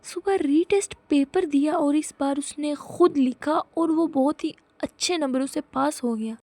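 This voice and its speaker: A woman narrating a moral story for children in a calm storybook manner. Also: sits high, dry recording. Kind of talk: scripted narration of a moral tale.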